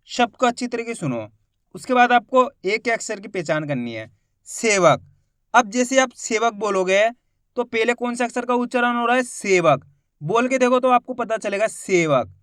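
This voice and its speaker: A man teaching a Hindi spelling lesson, sounding out each syllable slowly and asking his viewers repeated teaching questions. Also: very high-pitched, a bit bright, dry recording, studio quality. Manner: addresses viewers as friends.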